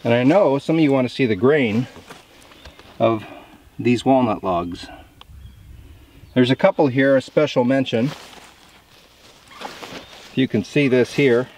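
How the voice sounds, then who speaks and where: A man's voice: medium pitch, measured pace, long pauses, a little mellow, a little hiss or hum. Easygoing man explaining outdoors at a sawmill. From southern Indiana. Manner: casual, explanatory, folksy. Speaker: sawmill operator. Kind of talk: outdoor how-to vlog.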